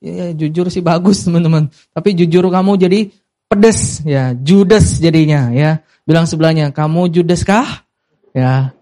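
A male preacher delivering a sermon in a high-pitched voice. He slips English words into his speech. He often calls out to the congregation and has them repeat lines to each other. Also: measured pace, dark tone.

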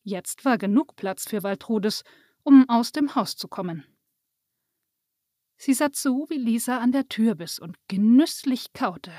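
Woman reading a kids story, high voice, dry close sound. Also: expressive, measured pace, warm tone, no echo. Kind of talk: reading a children's story aloud.

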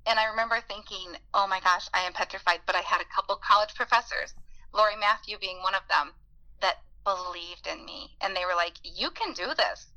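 Bright-voiced earnest woman in her forties. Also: medium pitch, fairly even intonation, a little fast, low-quality recording. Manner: earnest and enthusiastic, acts out remembered voices. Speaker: interviewee, beginning teacher. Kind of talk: heartfelt personal storytelling.

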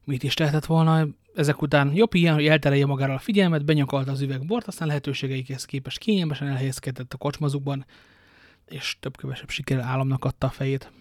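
A man reading a novel aloud in a lively storytelling manner, dropping in self-mocking asides. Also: mid-range voice, no room sound, studio quality. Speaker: audiobook reader. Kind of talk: novel narration with joking asides.

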